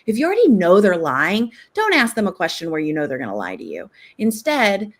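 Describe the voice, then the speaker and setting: Speaking in a brisk, mid-range voice, a middle-aged parenting expert offers conversational advice. She laughs readily and stays animated while playing out a parent's possible lines.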